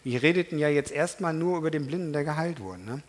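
A middle-aged man preaching a sermon, animated and emphatic, talking straight to his congregation. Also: fairly high pitch, fast. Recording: reverberant hall.

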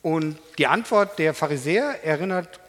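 A middle-aged man preaching a sermon, animated and emphatic, talking straight to his congregation. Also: fairly high pitch, moderate pace. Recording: reverberant hall.

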